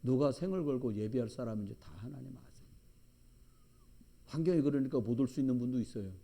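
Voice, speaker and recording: A man's voice: medium pitch, quick pace, vocal fry, dark tone. A middle-aged man preaching a sermon as pastor in a church, with emphatic, joking storytelling. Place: church sanctuary.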